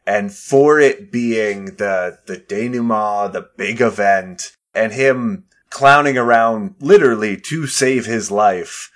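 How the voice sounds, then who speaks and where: Low-voiced man leading a podcast chat. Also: a bit bright. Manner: leads the discussion, measured opinions. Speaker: podcast co-host. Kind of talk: casual chat.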